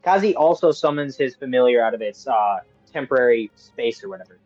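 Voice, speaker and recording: A man's voice: medium pitch, expressive, a little fast, darkish tone, dry recording, highs cut off, faint music behind. A man playing in a tabletop game, asking eager questions in casual chat. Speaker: player.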